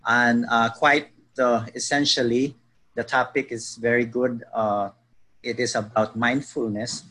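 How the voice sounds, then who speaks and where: A man's voice: mid-range voice, level tone, unhurried, sharp tone, rough recording. A man from the Philippines, a psychologist speaking politely and hesitantly on a video call. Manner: polite, hesitant, many filler sounds. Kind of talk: casual panel talk.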